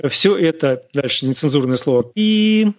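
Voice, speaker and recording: A man hosts a live radio talk show, answering listener questions by lecturing them in an emphatic, scornful tone with sharp jumps in pitch. His voice is expressive at a normal speed, and the sound is lo-fi with no room echo.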